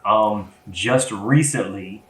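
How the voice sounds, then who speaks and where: A man's voice: on the low side, takes it slowly, fairly bright tone, roomy sound, low-quality recording. A man co-hosting a podcast in casual chat, rambling and hesitant with many restarts. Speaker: podcast co-host.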